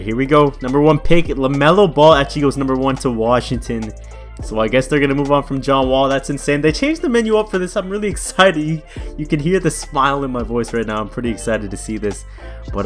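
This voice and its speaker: Casual young man commentating a game. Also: medium pitch. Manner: casual, chatty, thinks aloud. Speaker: gaming YouTuber. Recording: faint music behind.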